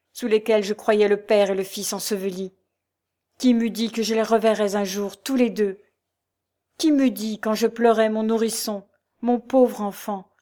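A woman's voice: medium pitch, warm tone, close to an everyday voice. A woman reading as a fervent old nurse. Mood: exalted. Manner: tearful, stammering, fervent. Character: old woman, devoted former nurse, emotional.

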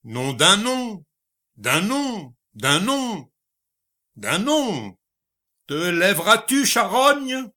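A harsh, squawking parrot , played by a man reading a story aloud, spits curses in a high, strained voice. It barks its lines loud and sharp, like an angry old sailor. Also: takes it slowly, pauses often, heavily acted. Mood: furious. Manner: shouted cursing. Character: parrot mimicking a drowned sailor's furious voice.

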